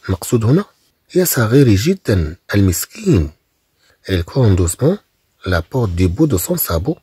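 A man from Morocco, teaching French, reading phrases very slowly and then explaining them quickly. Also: lowish voice, very animated, mellow, slightly rough, no echo.

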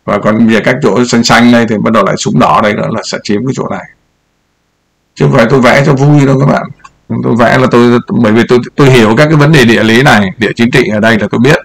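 A man's voice: mid-range voice, fairly even intonation, very fast, vocal fry. An older man giving casual political commentary over a map, rambling and repeating words as he points things out.

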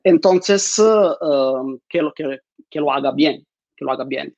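This conference speaker talks at an unhurried pace in a gravelly, mid-range voice with a darkish tone. He's presenting online from a room at home on a lapel mic, full of fillers and repeated words, over a dull, dry video call with no room sound.

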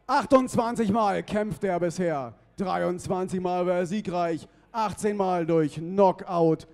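A man announcing fighters at a boxing arena, stretching out the names in drawn-out shouts. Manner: booming, drawn-out name calls. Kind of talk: ring announcement.

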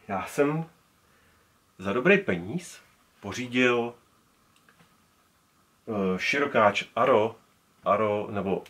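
A man's voice: fairly low pitch, fairly bright tone. A man in his forties casually showing his collection, rambling with many restarts as he handles the gear indoors. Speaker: speaker collector. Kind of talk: casual show-and-tell. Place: indoor room full of speakers.

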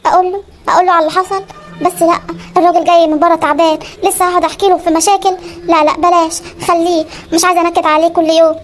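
Actor doing put-upon young cartoon wife, Egyptian Arabic accent, patient, resigned, very fast. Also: very high voice, little pitch movement. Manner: polite, patient, resigned replies. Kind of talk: comic cartoon voice acting.

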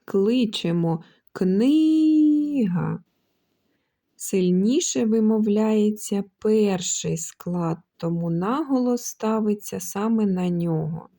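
A woman kindergarten teacher giving a slow, carefully spoken lesson for young children, drawing out syllables and calling out words to show where the stress falls. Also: mid-range voice, warm tone.

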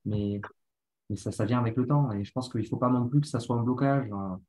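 A man's voice: mid-range voice, brisk, a little mellow, rough recording. A man on a video call, speaking earnestly and reflectively in a casual panel discussion.

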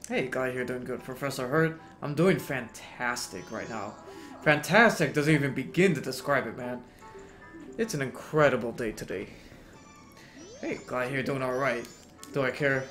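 A man streaming a speedrun, greeting viewers by name and reacting with sudden excited outbursts. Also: mid-range voice, moderate pace, soft background music. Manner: greets and answers chat, bursts into excited exclamations. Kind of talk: casual live-stream chat while gaming.

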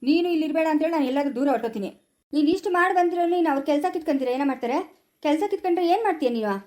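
Brief: woman as stern old grandfather, rapid-fire scolding, high voice. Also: natural voice. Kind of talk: amateur family skit.

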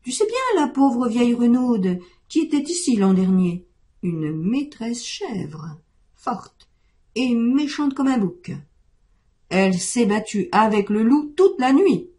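A kindly old goat farmer, put on by a woman reading a storybook tale frets and exclaims in a raised, worried voice. He pleads slowly with his stubborn goat, his tone mellow and soft-edged. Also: on the high side, sing-song. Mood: alarmed.

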